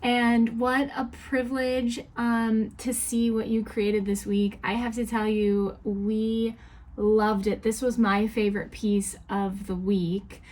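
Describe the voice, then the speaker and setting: A woman's voice: a little high, flat delivery, takes it slowly, darkish tone. A woman giving conversational feedback as a judge, effusive and emphatic, often repeating words to stress them.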